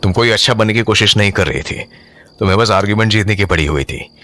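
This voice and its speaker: A man's voice: lowish voice, fast, pushed and bright, faint music behind. An actor playing a reserved young man who flusters, apologizes and mixes Hindi with English. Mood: defensive. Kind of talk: audio drama acting.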